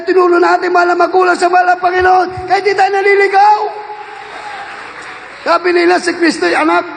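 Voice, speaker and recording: A man in his fifties, from the Philippines, preaching a fervent sermon that swings between loud shouts and quiet asides, recorded in a church hall. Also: very high-pitched, creaky. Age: 50s. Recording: echoey hall with long reverb.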